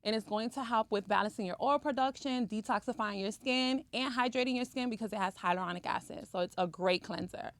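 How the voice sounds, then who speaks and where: Her pitch is fairly high and she speaks fairly quickly, barely pausing. She's an esthetician and skincare brand owner, from Cuba but in the US since age three, appearing as an interview guest on a podcast where she chats and frequently checks in with whoever's listening.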